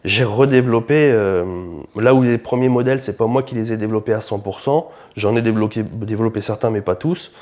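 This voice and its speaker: A man, a shop founder and podcast guest, telling his own story in a lively, informal, first-person way. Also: lowish voice, fairly quick, hardly any pauses. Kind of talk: casual storytelling interview.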